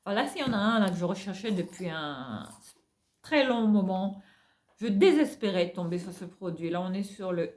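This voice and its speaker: A woman's voice: medium pitch, animated, normal speed, darkish tone. A woman with a French accent chatting through a product haul, gushing over finds and tagging nearly every phrase with a filler. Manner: chatty, tags most phrases with "hein". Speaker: haul vlogger. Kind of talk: casual product haul chat.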